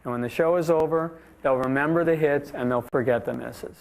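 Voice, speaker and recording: A man, a former medium turned skeptic, explaining techniques in a measured, slightly hesitant interview style with short demonstrations. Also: a little high, gravelly, rough recording. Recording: faint background location noise.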